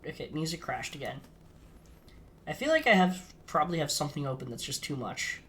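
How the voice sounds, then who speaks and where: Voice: mid-range voice, very animated, brisk, fairly bright tone. A podcast co-host chatting casually on a live stream, flustered and self-deprecating, laughing through technical trouble. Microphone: streaming setup with desk mic.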